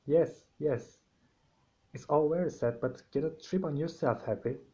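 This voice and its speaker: A man voicing a stern older female witch professor who speaks in a hushed, urgent way. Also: a little high, measured pace, lightly acted. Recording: dull lo-fi recording.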